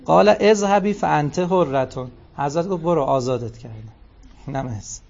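A fairly high-voiced male lecturer reciting scripture and explaining it, on a dull lo-fi recording. He chants a line in Arabic, then restates it in relaxed everyday speech, and he keeps that rhythm going through the whole passage. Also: creaky. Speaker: religious lecturer.

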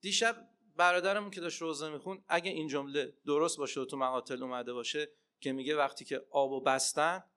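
Impassioned male preacher, bright voice. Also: a little high, fairly even intonation, hardly any pauses, clear, resonant tone. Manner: impassioned, swinging between loud emphatic cries and hushed asides. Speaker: preacher and Arabic teacher. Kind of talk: religious sermon with storytelling.

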